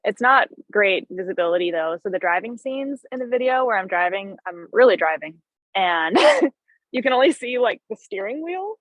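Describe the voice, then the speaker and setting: Chatty woman musician, laughs a lot, dry close sound, medium pitch. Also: very animated, moderate pace, no echo, phone-quality sound. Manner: laughing, upbeat. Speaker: musician guest. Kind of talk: casual interview chat.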